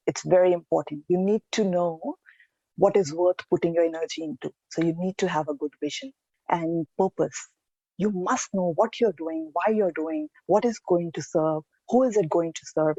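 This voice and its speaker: A woman from India, a podcast guest, answering in an earnest, reflective way with pauses and restarts. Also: fairly low pitch, dark tone, no echo, dull audio. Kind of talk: casual interview answers.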